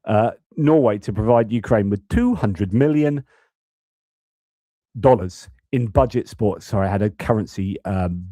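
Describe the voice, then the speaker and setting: Here the young British live news host sounds expressive and a little slow, his low voice mellow and free of echo. He rants casually about politics, often stopping to restart sentences and stammering repeats.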